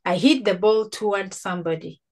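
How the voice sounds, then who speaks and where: A woman's voice: mid-range voice, moderate pace. A middle-aged woman from Tanzania teaching Swahili one-on-one, patient and coaxing, affirming her student with frequent murmurs. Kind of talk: one-on-one language lesson.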